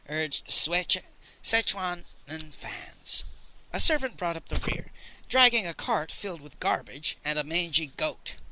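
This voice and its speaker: A man narrating an audiobook with expressive storytelling. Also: fairly high pitch, rough recording.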